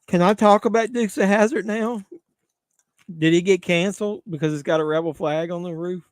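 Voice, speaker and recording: A man's voice: high voice, fairly even intonation, moderate pace, smooth, no room sound, studio quality. Joking man hosting a livestream. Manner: crude, joking banter with chat. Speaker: livestream host. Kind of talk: casual watch-along chat.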